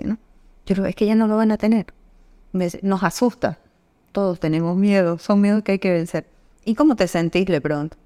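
A woman on a podcast telling stories from her work, acting out the dialogue with big pitch jumps. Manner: animated storyteller, acts out quoted dialogue with pitch jumps. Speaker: guest. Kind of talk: conversational podcast storytelling. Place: indoor podcast studio.

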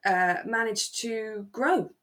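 Speaking slowly in a fairly bright voice on the high side, this woman chats casually as a podcast co-host. She has a British accent and reflects on a radio drama in conversation.

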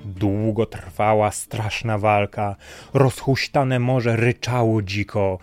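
A man's voice: fairly low pitch, level tone, slow pace, darkish tone, soft background music. A man narrating a fairy tale in a dramatic storytelling manner.

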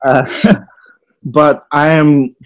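A man's voice: fairly high pitch, drawn-out words, rough recording. Chatty young man from Ghana. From Ghana, raised in England. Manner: relaxed, chatty, laughs easily, many ums. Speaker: podcast guest. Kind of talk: casual chat.

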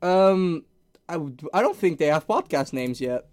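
Young male podcast host, high voice, loose rambling chat among friends. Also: expressive, darkish tone, clear, resonant tone. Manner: rambling, halting, restarts and filler words.

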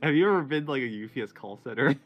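Man, tabletop player, chatty, rambling, laughs easily, mid-pitched. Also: expressive, quick pace, muffled recording, faint music behind. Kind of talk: casual tabletop play.

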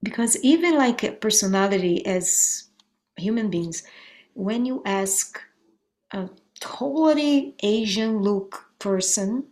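A Brazilian woman, a musician appearing as an interview guest, speaks with a Brazilian Portuguese accent in a mid-range, slightly mellow voice with lively intonation and a slow pace. In this conversational interview she answers thoughtfully, searching for words and often restarting her sentences.

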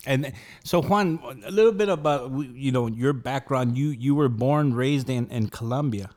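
A man's voice: medium pitch, moderate pace, a little mellow. A man hosting a podcast, asking long, rambling questions full of restarts. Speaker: podcast host. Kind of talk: casual interview talk.

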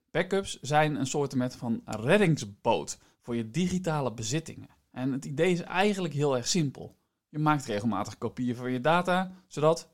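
A man hosts a podcast, explaining things in a semi-scripted way and addressing the listener directly. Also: fairly high pitch. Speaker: podcast host.

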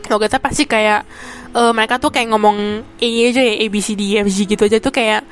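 A woman's voice: a little high, fairly even intonation, brisk, faint music behind. A young woman, telling a story in a casual, slangy chat and often asking if you get it. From Indonesia. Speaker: podcaster.

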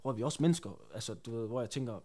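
A young man chatting casually as a podcast guest, slangy and animated, often laughing as he tells stories. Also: medium pitch. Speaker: guest, prank content creator.

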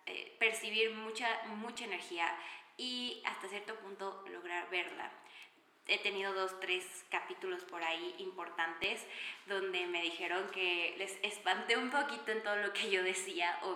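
A young woman from Mexico City with a Mexican Spanish accent, hosting a podcast and chatting enthusiastically about her own story. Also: mid-range voice. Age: young adult. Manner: chatty, warm-hearted and enthusiastic, many fillers. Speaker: podcast host. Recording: echoey room with reverb.

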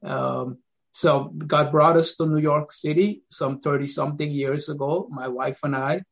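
A middle-aged man from Guyana, a pastor, telling his life story as a podcast guest, with many pauses and ums. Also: on the high side, little pitch movement, creaky. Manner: hesitant, many ums, repeats words.

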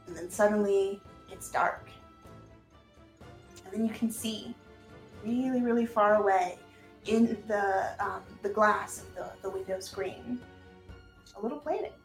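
A woman's voice: medium pitch, a little slow, long pauses. A woman hosting and narrating an improvised tabletop game in a casual, encouraging way. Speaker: game master and host. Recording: echoey room, music behind.

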